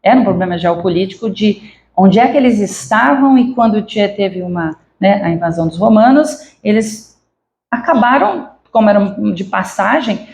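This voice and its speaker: A woman's voice: mid-range voice, normal speed, vocal fry, a little mellow. A woman giving a spiritist lecture to a congregation, chatting with the audience and asking them questions. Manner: conversational, asks the audience questions. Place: spiritist center lecture hall. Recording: echoey hall.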